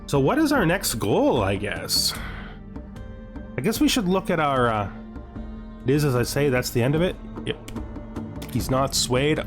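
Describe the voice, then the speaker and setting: This man's medium-pitched voice is very animated yet a little slow, with frequent pauses, set against soft background music. Hosting casual gameplay, he muses over his choices and keeps asking himself questions.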